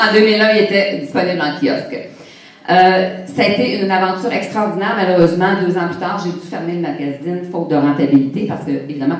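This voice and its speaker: A deep-voiced Quebec woman in her fifties, with a Québécois French accent, tells her own story on stage as a conference speaker, candid, humorous, and addressing the audience directly. It's a motivational personal talk in a large hall with an audience, recorded from a distance with an echoey sound.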